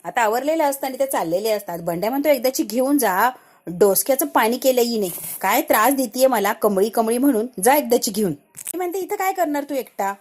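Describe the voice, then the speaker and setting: Female recap narrator, slightly high voice, tells the episode as a story and reads all the dialogue herself. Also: brisk. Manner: voices every character's lines herself in a lively retelling.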